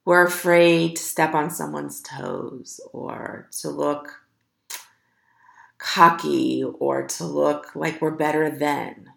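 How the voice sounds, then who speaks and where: A woman hosting a podcast, giving an earnest, encouraging motivational talk with slow, emphatic delivery. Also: sits low, steady tone, gravelly, fairly bright tone, reverberant. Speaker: podcast host.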